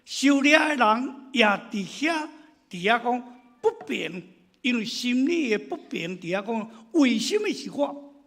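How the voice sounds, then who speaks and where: A man preaching a sermon as pastor, telling stories in an animated way and swinging between loud exclamations and hushed asides. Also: extremely high pitch, a little slow, gravelly. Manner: animated storytelling, acting out his congregants' complaints.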